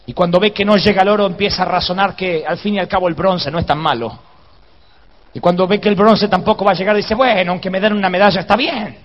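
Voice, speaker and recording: A man preaching a sermon, telling a comic story and acting out the shouts and groans in it. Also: sits high, fast talker, long reverb tail. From Argentina. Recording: dull lo-fi live sermon recording.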